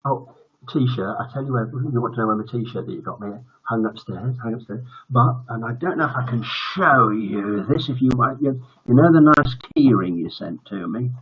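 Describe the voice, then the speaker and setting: Animated and slightly rough, this mid-range voice moves at a moderate pace. It's a British man in his seventies telling bedtime stories and chatting casually on a livestream whose audio sounds dull and lo-fi.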